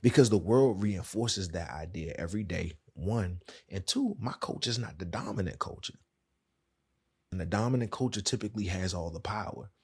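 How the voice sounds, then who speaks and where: Podcast host and therapist, man with a DC accent; low, husky, candid, colloquial. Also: normal speed, darkish tone. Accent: Washington DC. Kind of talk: casual monologue.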